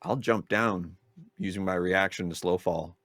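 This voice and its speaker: A man's voice: deep voice, unhurried, a bit bright, dry recording, studio quality. A man playing in a tabletop game, loose and playful, often chuckling. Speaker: player.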